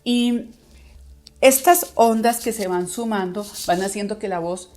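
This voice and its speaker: A woman's voice: medium pitch, unhurried, darkish tone. A woman voice coach explaining how the voice works in a video lesson, sometimes acting out listeners' reactions.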